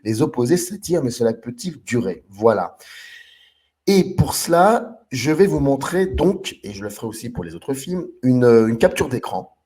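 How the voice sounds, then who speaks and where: A man's voice: medium pitch, very animated, moderate pace, darkish tone. A man hosting a film discussion show in a casual, hesitant way, with lots of fillers and restarts as he introduces guests and films.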